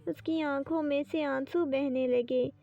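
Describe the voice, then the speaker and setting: Woman reading an audiobook novel, steady, muffled lo-fi sound, soft music behind. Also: high voice, gravelly. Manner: steady storytelling. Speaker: audiobook narrator. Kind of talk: scripted novel narration. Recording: distant dull lo-fi with faint music.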